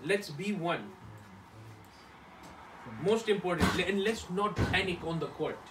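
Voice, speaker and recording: A man's voice: high-pitched, measured pace. A man giving a motivational team talk as a leader, emphatic, repeating short phrases. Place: echoey indoor room, locker room. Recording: roomy, distant mic, background noise.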